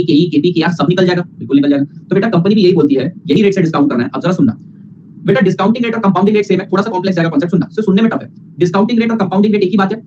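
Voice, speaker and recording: A male teacher giving a lively lecture, mixing Hindi and English and acting out students' replies. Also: high voice. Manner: fast, playful, mixes Hindi and English, acts out students. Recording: lo-fi with background hiss.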